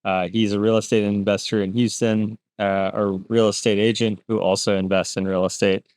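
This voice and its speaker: Podcast host, man, lowish smooth voice, flat even delivery, close dry mic. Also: moderate pace, no room sound. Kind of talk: podcast interview hosting.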